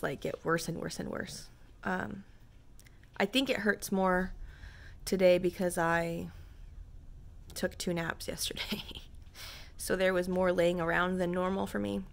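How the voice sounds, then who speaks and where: A young woman talks straight to her viewers in a loose, rambling way, full of "like" and "um". Her voice sits a little low for a woman, and she shares things openly and candidly. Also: vocal fry. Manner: rambling, candid, frequent fillers. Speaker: vlogger talking to viewers. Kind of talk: casual chat to camera.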